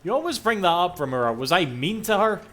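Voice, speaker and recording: A man's voice: high voice, big pitch swings, quick pace, a bit bright, slight background noise. A man giving casual, chatty live commentary as a game streamer, swearing freely.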